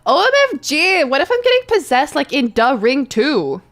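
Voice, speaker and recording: A woman's voice: sits high, big pitch swings, moderate pace, a bit bright, voice pushed up, exaggerated voice. A woman voicing an overdramatic, whiny gothic teenage girl who pleads and exclaims in a comic fanfiction reading. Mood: panicked, upset.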